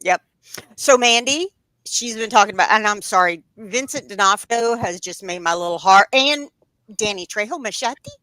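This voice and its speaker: A woman's voice: mid-range voice, animated, normal speed, sharp tone, no echo, rough recording. A woman co-hosting an interview, enthusiastic and gushing about guests. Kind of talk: casual interview chat.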